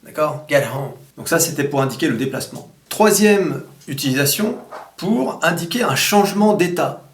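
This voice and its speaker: A man giving a casual spoken lesson, drilling words slowly by repeating them, and swearing casually when he stumbles. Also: a little high, lively intonation, far from the mic, a little hiss or hum. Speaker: English teacher. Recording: roomy, voice a bit off-mic.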